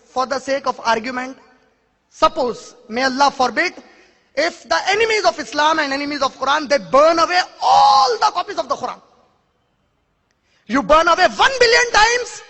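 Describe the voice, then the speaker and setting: A man with a very high-pitched, bright and forceful voice, a native Urdu speaker, answers an audience question at a public Q&A lecture. He argues emphatically, driving his points home with pointed rhetorical questions and challenges, while a large hall adds long reverb.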